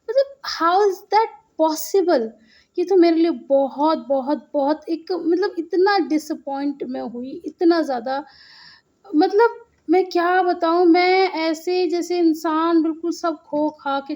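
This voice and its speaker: A woman's voice: high-pitched, warm tone, highs cut off. A middle-aged woman from India chatting casually and animatedly to her viewers in a home vlog. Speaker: vlogger. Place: at home, indoors.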